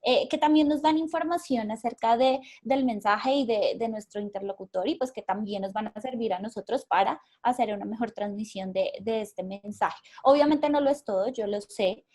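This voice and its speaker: High-voiced Colombian woman teaching online. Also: normal speed, hardly any pauses, a little mellow. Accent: Colombian Spanish. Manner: explanatory, many fillers and repeated words. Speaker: workshop facilitator. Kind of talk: live online workshop. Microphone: video call.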